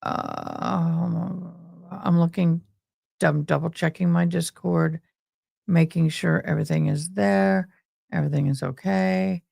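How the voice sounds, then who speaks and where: A woman hosts a livestream with heavy, gravelly fry in her voice. She chats casually and folksily, speaking straight to her viewers. The sound is close and dry. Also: on the low side, steady tone, slow pace, dark tone, no room sound. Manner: folksy, talks directly to viewers with y'all. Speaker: livestream host. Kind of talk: casual livestream chat and commentary.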